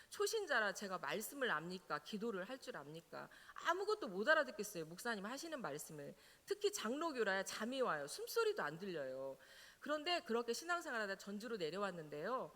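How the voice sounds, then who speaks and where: A middle-aged woman pastor, telling her own story in a sermon as an animated storyteller who laughs now and then. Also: mid-range voice. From Jeolla, South Korea. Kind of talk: personal testimony in a sermon. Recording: reverberant church hall.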